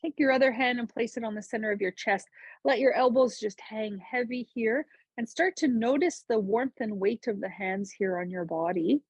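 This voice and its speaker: A woman teaching a seated yoga class, giving calm, gentle cues to breathe and move. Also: fairly high pitch, moderate pace, breathy edge, no echo, poor audio. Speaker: yoga instructor. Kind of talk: guided chair yoga instruction.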